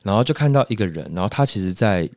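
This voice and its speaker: A man's voice: lowish voice, dry recording. A man from Taiwan with a Taiwanese Mandarin accent, a podcast guest chatting casually and telling stories with animation, close to the microphone. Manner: animated storyteller, quick to laugh. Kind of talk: casual chat.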